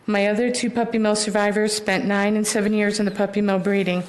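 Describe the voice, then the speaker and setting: A woman's voice: mid-range voice, little pitch movement, a little fast, rough recording. An American woman giving emotional, hesitant public comment at a city council meeting, partly reading from a page. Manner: emotional, hesitant, with many fillers.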